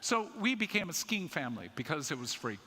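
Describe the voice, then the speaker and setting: An older man giving a conference talk in a church, telling a family story in an animated, self-mocking way. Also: on the high side, fairly quick. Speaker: conference speaker. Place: church sanctuary. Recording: echoey church hall.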